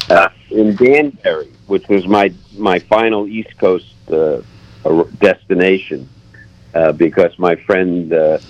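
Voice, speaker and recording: A man, a pilot being interviewed, telling stories in a reflective, halting way with frequent restarts. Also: fairly low pitch, no room sound, lo-fi sound. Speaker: pilot guest. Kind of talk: conversational storytelling.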